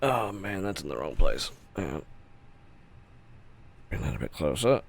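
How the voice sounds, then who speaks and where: Deep male voice, creaky, animated intonation, muttering and sweary, casual game streamer. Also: measured pace. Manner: muttering to himself, frequently swearing. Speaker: flight simulator streamer. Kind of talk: casual livestream gameplay commentary.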